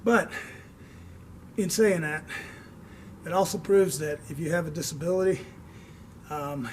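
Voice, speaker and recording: An older man hosting a do-it-yourself car repair video, out of breath and pausing for air as he rambles through a casual, long-winded explanation. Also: fairly high pitch, darkish tone, slight background noise. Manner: rambling, long-winded, pauses for air, tags lines with "okay?". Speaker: DIY car repair host. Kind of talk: casual instructional talk.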